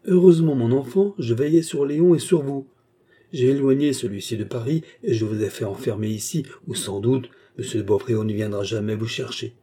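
A man's voice: medium pitch, fairly quick, dark tone, husky. A man voicing a scheming baronet villain who poses as a kind benefactor, talking in an earnest, persuasive way in a French audiobook novel.

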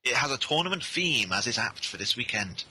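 A man with a raspy voice and a cough, chatting casually as a dry, correcting podcast co-host. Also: mid-range voice, sing-song, fairly quick, bright, forceful tone, rough recording. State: has a cough. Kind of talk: casual chat.

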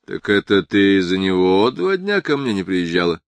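A weary, ironic writer talks in an offhand, dry way, as the audiobook narrator voices him. The voice swings widely in pitch. The recording is close and dry, with no room sound. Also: male voice, big pitch swings, normal speed, no echo. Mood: wry. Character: wry, weary man, a writer.

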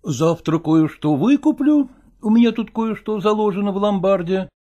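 A man's voice: high voice, moderate pace, mellow, highs cut off, natural voice. A man voicing a weary middle-aged touring actor in an audiobook drama, coaxing and patronizing. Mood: persuading.

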